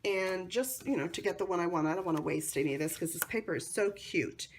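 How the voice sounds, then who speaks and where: An American woman with a hoarse, cold-affected voice hosts a casual how-to craft demonstration in a chatty, enthusiastic way. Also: on the low side, quick pace, a little hiss or hum. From North Carolina, United States. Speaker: craft tutorial host.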